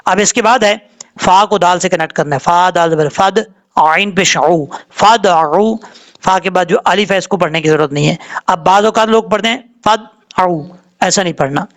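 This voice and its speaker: A man's voice: high-pitched, a bit bright. Guy, patiently going over quran reading rules letter by letter. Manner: patient, explains rules step by step, then recites slowly drawn out. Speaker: Quran recitation teacher. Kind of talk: tajweed lesson, spelling out letters and vowels.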